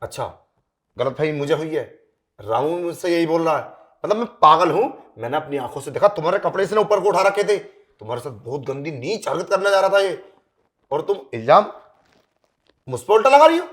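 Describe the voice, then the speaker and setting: A furious husband shouts accusations at a servant and his wife in a short film drama, as a man plays him. His voice runs high and loud. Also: animated, a little fast, lightly acted. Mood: angry. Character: furious husband, master of the house.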